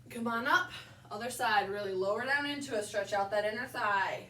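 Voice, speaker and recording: A young instructor with a bright, forceful, medium-pitched voice, a touch nasal from allergies, calls out balance moves while demonstrating them. She keeps her cues upbeat, with short pauses between moves. The far tripod camera in the large wood-floored wellness room gives her voice a distant, echoey quality.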